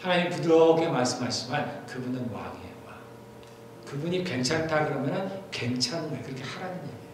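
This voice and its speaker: A man's voice: mid-range voice, expressive, fast talker. A middle-aged man preaching a sermon as pastor, talking in a conversational way and repeating key phrases for emphasis. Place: church sanctuary. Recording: very echoey church hall, faint noise.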